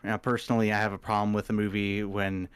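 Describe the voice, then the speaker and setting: A man co-hosting a movie podcast, chatting casually and rambling like an eager fan, his voice jumping up when excited. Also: quick pace, clear, resonant tone, dry recording. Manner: chatty, rambling fan with sudden pitch jumps. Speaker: podcast co-host.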